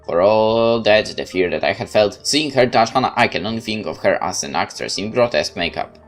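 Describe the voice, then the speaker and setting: Soft background music accompanies a man reading a horror visual novel in first person for a game let's-play. His voice is lowish and expressive, the narration measured and theatrical.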